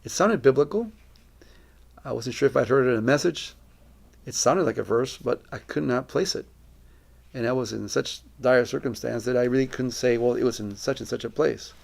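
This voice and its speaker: Speaking at a normal speed, a middle-aged Colombian man gives his testimony as a missionary, earnest and reflective, with words chosen deliberately. His voice is very creaky and gravelly, pitched at an ordinary male level.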